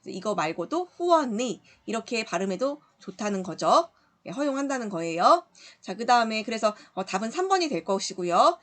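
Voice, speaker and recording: A woman's voice: on the high side, very animated, a little fast, a bit bright. A woman teacher walking students through exercises in a recorded online lesson, patient and explanatory, often checking in with the class. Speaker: middle school Korean teacher.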